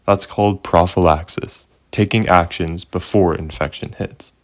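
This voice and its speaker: A man co-presenting scripted educational narration in a measured, expository manner. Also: low voice, fairly even intonation.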